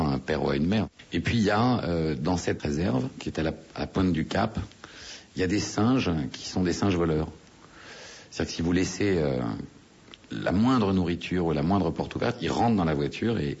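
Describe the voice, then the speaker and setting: A man with a low, slightly husky voice recounts a travel story as an interviewee. He talks in a loose, chatty way, pausing on fillers and restarting phrases. The sound is muffled and lo-fi, like an old radio broadcast. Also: darkish tone. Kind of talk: relaxed anecdotal storytelling.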